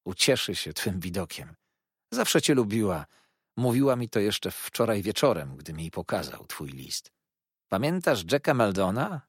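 A man's voice: lowish voice, sing-song, a little slow, breathy edge, dry recording, studio quality, exaggerated voice. A man reading the lines of a kindly elderly male scholar who speaks to his former pupil in a fond, coaxing way. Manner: fond, coaxing old teacher's talk.

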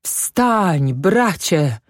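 A woman's voice: sits low, expressive, takes it slowly, a little mellow, dry recording, studio quality, exaggerated voice. Woman playing a sobbing drunk old headman. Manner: tearful, pleading, self-abasing. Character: drunk weeping older village headman.

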